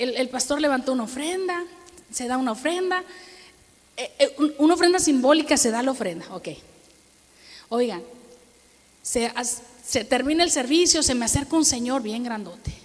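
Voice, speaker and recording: A middle-aged woman pastor with a Mexican Spanish accent preaches a sermon in a high-sitting voice, with a long reverb tail on the recording. She tells a story, acting out its dialogue herself, and asks the audience for an amen.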